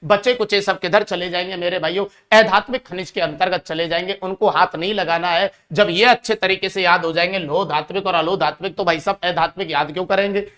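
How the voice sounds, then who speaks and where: A man's voice: high voice, fairly even intonation, brisk, hardly any pauses, bright, forceful tone. Man, teacher, exam-prep lesson, asks and answers his own questions, repeats key terms.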